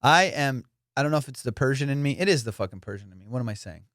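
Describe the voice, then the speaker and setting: Fast-talking and medium-pitched, a young adult podcast host and comedian boasts his way through profane anecdotes in a relaxed monologue, now and then erupting with excitement. It's a dry, studio-quality recording.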